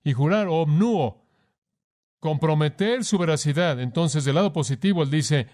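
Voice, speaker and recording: A man's voice: on the high side, normal speed, a little mellow. Emphatic man preaching a sermon. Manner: emphatic, asks the listener rhetorical questions; addresses the listener formally as "usted".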